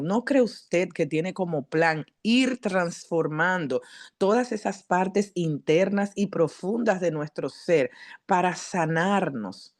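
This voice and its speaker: A woman psychologist giving a teaching talk at a church, addressing the congregation directly and asking them questions in a lively, earnest way. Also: on the low side. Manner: lively, earnest preaching delivery.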